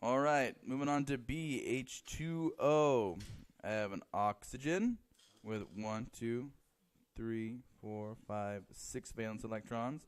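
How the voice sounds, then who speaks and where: A man's voice: medium pitch, takes it slowly, clear, resonant tone. A man teaching chemistry in a classroom, joking with students and counting aloud as he draws. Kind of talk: classroom lecture.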